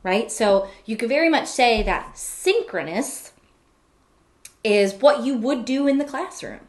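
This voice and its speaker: A woman's voice: on the high side, animated, measured pace. Chatty woman teaching on a live stream. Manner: chatty, laughs often, many fillers and self-corrections. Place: home office. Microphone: computer webcam mic.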